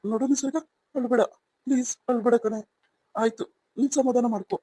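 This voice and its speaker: A woman's voice: on the high side, fairly even intonation, brisk, warm tone, husky, no echo, low-quality recording. Siddharth, a woman doing a pleading young husband. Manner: pleading, urgent. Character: young husband, anxious and tender. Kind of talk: cartoon voice acting.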